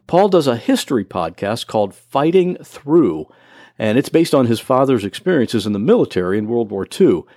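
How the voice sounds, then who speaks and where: A Florida man hosts his own computer help podcast as a tutor, patiently walking listeners through things step by step in plain language. His medium-pitched voice is very animated and a little mellow, at a moderate pace, in a dry studio-quality recording.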